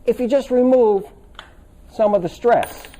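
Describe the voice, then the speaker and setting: A man's voice: extremely high pitch, unhurried, mellow, slight background noise. A man teaching a stress workshop to a live audience in a casual, chatty way, telling stories and checking that his listeners follow. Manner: chatty, anecdotal, asks the audience for agreement. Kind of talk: casual live seminar talk. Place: seminar room with a live audience.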